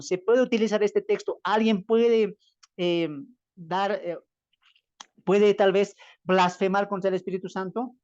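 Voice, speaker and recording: A Bolivian Bible teacher with a high-pitched, darkish voice delivers an emphatic, preaching-style lecture over a video call, posing rhetorical questions to listeners and answering them himself. The audio is dull, dry and lo-fi.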